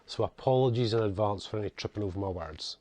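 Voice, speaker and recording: Low-voiced man with broad Scottish accent. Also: quick pace, darkish tone, dry recording. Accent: broad northeast Scottish, toned down. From northeast coast of Scotland. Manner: chatty, frequent 'you guys' and 'you know'. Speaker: author presenting his own video channel. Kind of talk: casual spoken introduction to camera.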